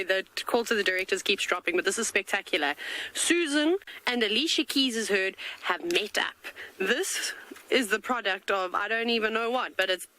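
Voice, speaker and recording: A woman's voice: mid-range voice, pushed and bright, rough recording. A woman guiding a live safari outdoors, exclaiming in breathless awe at the sight in front of her. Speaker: safari guide. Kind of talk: live wildlife commentary. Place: outdoors in the bush.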